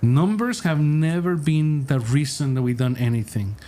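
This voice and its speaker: A man's voice: on the high side, moderate pace, mellow. A man who is a pastor, earnestly telling a story in casual conversation and stringing his sentences together with repeated "and.".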